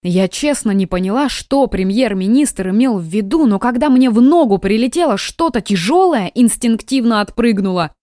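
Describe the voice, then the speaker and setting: A woman narrating a first-person audiobook in a lively, expressive way, close to a studio mic. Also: a little high, dry recording.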